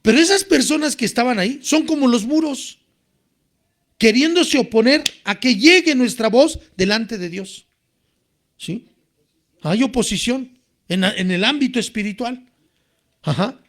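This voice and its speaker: A man preaching a sermon in an animated way, rising to near shouts when he quotes people crying out. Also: very high voice, unhurried, long pauses. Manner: animated, rises to shouting when quoting cries.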